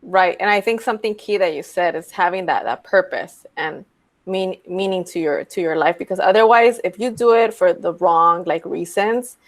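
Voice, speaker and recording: A woman's voice: fairly low pitch, moderate pace. A woman hosting a casual talk, affirming her guest and speaking conversationally. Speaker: host. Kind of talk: casual video-call talk.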